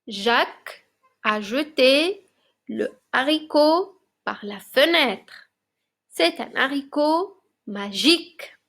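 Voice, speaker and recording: A woman teaching young children a spelling lesson, reading words slowly and clearly and encouraging the class. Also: high-pitched, animated, a bit bright. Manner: slow, clearly articulated, encouraging. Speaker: primary school teacher. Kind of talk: slow, deliberate classroom dictation. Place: classroom recording for remote lesson.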